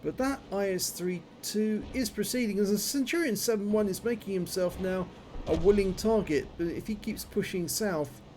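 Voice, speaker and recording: A man's voice: sits high, moderate pace, a little mellow, a little hiss or hum. A man giving running commentary on a video game, his speech slightly impeded by a numb, toothache-swollen jaw. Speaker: gameplay commentator.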